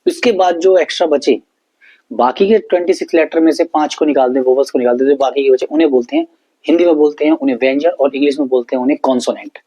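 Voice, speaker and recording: Male tutor, mellow husky tone, patient step-by-step explainer, spells letters, reads definitions slowly. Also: fairly high pitch, expressive, poor audio. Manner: explains step by step, spells letters aloud, often checks "ठीक है". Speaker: English grammar teacher. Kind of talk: classroom-style lesson explanation.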